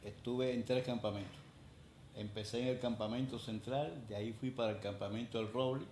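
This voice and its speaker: A man's voice: medium pitch, steady tone, moderate pace, darkish tone. A man, recounting his past plainly in a documentary interview. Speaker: interviewee, former volunteer teacher. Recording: echoey room with faint noise.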